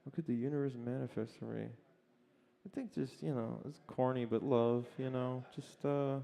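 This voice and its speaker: Laid-back young man with gravelly voice. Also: medium pitch, fairly even intonation, mellow. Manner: laid-back, laughing, halting with fillers. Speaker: musician guest. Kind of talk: casual interview chat. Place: livestream studio session.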